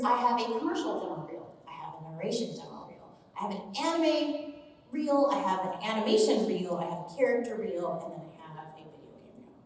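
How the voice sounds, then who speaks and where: A woman voice actor speaking on a convention panel, lively and switching into demo voices as she explains. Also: fairly high pitch. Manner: lively, demonstrating voices mid-sentence. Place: large convention hall. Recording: echoey hall from far off, faint ambience.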